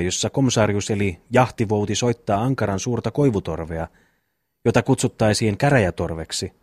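A man's voice: fairly low pitch, a little mellow, dry recording, close to an everyday voice. A man reading as a rambling, simple-minded peasant brother. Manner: rambling, folksy musing. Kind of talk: audiobook reading of a classic novel.

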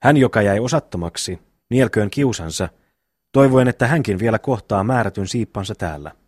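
Calm earnest peasant brother talking down a brawl, low husky voice, close and dry, a man reading it. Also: no room sound. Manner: long solemn persuasive speech.

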